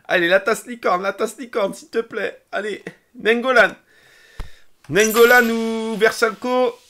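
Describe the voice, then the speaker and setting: A young man streaming a football video game, commenting on pack openings in a casual, excitable way, chanting and shouting when cards are revealed. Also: high-pitched, a little slow. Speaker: gaming streamer.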